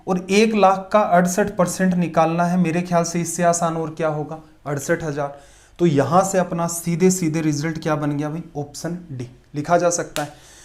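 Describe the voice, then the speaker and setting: A man's voice: sits high, darkish tone. A man teaching a competitive-exam math lesson, asking questions and answering them himself, with emphatic repetition.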